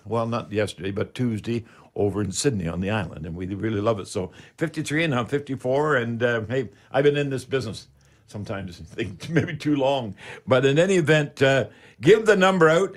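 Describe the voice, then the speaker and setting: An older man in his seventies, speaking with a Canadian accent, hosts a live radio show. His mid-range voice stays casual, rambling, chatty and folksy.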